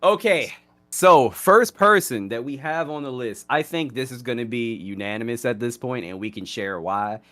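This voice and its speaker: A man's voice: mid-range voice, expressive, normal speed, fairly bright tone, dry recording. Blunt, cursing male host, dry mic. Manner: blunt, profane, exasperated ranting. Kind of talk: casual podcast debate.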